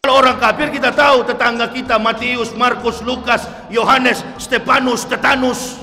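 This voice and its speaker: A man's voice: very high voice, steady tone, moderate pace, sharp tone, reverberant, big-room sound, soft background music. A man giving a religious talk in a joking, mocking way.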